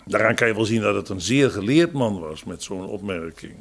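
A man preaching a sermon, quoting psalms and scripture, with raised emphasis that falls to quiet phrases. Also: fairly low pitch, animated, brisk.

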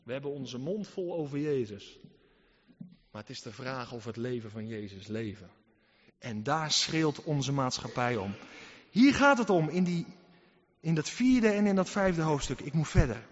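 A man preaching a sermon, emphatic and full of rhetorical questions, who swings between loud and soft. The recording is reverberant and dull. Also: mid-range voice, expressive, moderate pace. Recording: reverberant hall, dull lo-fi sound.

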